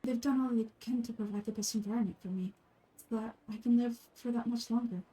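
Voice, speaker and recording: A woman voices a frail young woman from a fantasy game, her mellow, fairly high voice soft and measured, steady and close to how she'd normally talk. She sounds gentle, wistful and accepting, resigned yet tender, over background music on a low-quality recording.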